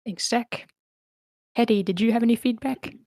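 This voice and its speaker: A woman casually runs an online script read, calling on people, reading comments aloud, and sometimes murmuring to herself, indoors on a meeting call. Her fairly high voice has a dark tone at normal speed, in a dry, studio-quality recording.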